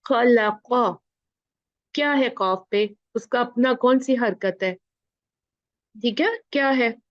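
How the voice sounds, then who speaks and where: A woman's voice: fairly high pitch, slow pace, no room sound. A woman teaching Quran recitation step by step, drilling each sound and asking questions she then answers herself. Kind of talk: slow step-by-step recitation lesson. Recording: dull lo-fi sound, dry close mic.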